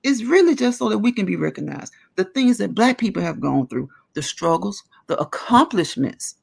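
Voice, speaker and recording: A woman's voice: mid-range voice, big pitch swings, moderate pace, vocal fry, a little mellow, husky. A woman in her forties talking at length in a casual discussion, earnest and emphatic as she explains her views. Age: 40s.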